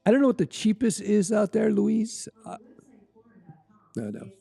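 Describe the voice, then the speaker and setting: A middle-aged Canadian man hosts a casual livestream, rambling through answers to chat questions with fillers and restarts. His voice sits high and is gravelly and mellow, a little slow, with faint music behind him.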